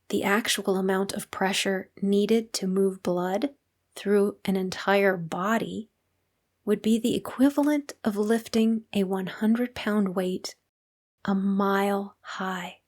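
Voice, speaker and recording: A calm woman narrates a guided meditation as the teacher. Her voice is mid-range, and her delivery stays soothing and unhurried, with long pauses.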